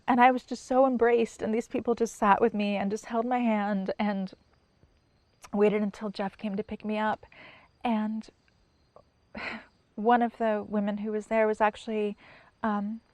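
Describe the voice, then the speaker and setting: A middle-aged woman recounting a painful personal experience in a halting, emotional way, with pauses and restarts. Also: mid-range voice, a little mellow, no room sound. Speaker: interviewee telling her story. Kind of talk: personal testimony.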